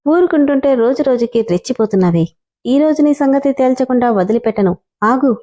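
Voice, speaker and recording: A woman's voice: high voice, expressive, a little fast, dark tone, dull audio. A woman voicing an irritated young husband who scolds and mocks his wife. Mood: scolding. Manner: gruff, scolding.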